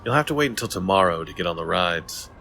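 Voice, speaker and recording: An actor playing an indifferent, condescending, flippant police officer in a video game. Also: male voice, low voice, animated, quick pace, vocal fry, bright, forceful tone, heavily acted. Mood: bored, dismissive. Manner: flippant, dismissive.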